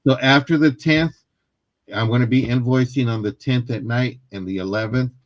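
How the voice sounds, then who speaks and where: A man in a live sale chat lays out the shop rules with jokes and easy laughter. His mid-pitched voice comes through dull and dry, with a muffled lo-fi sound. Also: moderate pace, dry recording. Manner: joking, reassuring, laughs often. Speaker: seller explaining shop rules.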